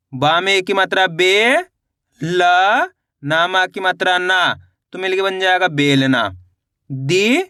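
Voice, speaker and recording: Male reading teacher, high bright clean voice, slow patient syllable drills, dry close mic. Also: smooth, dry recording. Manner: slow, patient syllable-by-syllable spelling with repeated questions to viewers. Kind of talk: online reading lesson.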